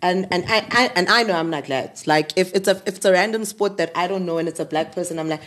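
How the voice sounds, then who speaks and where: A woman's voice: lowish voice, fast, a bit bright. A woman on a sports panel, speaking hesitantly with frequent murmurs of agreement. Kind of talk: casual panel discussion.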